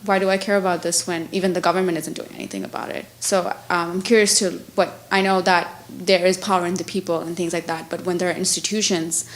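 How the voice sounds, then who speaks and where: Woman, audience member, grew up in bangladesh and thailand, informal, hesitant, frank, lowish voice. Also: level tone, fast, hardly any pauses, low-quality recording. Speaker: audience member asking a question. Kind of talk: audience question at a panel.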